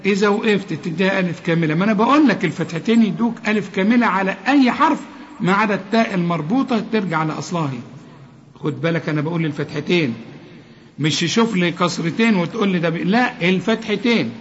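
A man with an Egyptian accent teaching tajweed, slowly repeating sounds, correcting pronunciation and chanting verses. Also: sits high, slight background noise. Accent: Egyptian Arabic. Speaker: Quran recitation teacher. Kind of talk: tajweed lesson with recited examples. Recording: long reverb, dull lo-fi sound.

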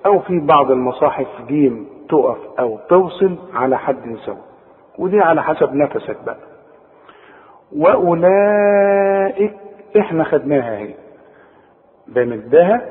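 A man with an Egyptian Arabic accent teaching Quran recitation rules, drawing out the recited words slowly and often checking that the listener follows. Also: on the high side, animated. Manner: explains slowly, then drawls recited words, asks the listener for confirmation. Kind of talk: tajweed lesson. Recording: tinny phone-like sound with long reverb.

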